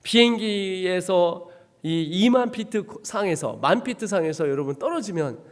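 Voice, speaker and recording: A man preaching a dramatic testimony sermon as a missionary, swinging from hushed to shouting. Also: high voice, animated, a little slow, long reverb tail. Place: church sanctuary.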